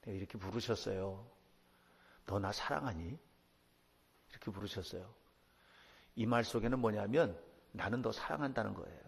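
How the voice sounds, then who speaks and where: A middle-aged man preaching a sermon as pastor, telling the story with lively, acted-out voices. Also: lowish voice, a little fast, vocal fry, husky, long reverb tail. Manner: animated storytelling, acting out quoted voices. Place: church sanctuary.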